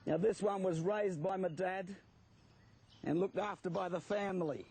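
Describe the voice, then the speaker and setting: A man's voice: sits high, normal speed, darkish tone, slightly rough. A man with an Australian accent presenting wildlife informally to camera, in a colloquial showman's manner. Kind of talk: informal presenting to camera while handling snakes.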